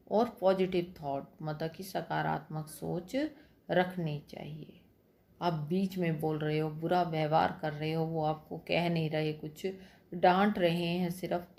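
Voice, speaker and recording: Slow, low-voiced woman teacher. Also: creaky, a little mellow. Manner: keeps addressing the children and answering her own questions. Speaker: school teacher. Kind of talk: explaining a reading lesson.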